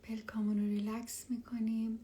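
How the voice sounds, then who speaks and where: Soft-spoken woman guiding a relaxation meditation. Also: fairly high pitch, completely flat delivery. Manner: unhurried, with long pauses between phrases. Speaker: meditation guide. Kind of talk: guided relaxation meditation, instructing listeners directly.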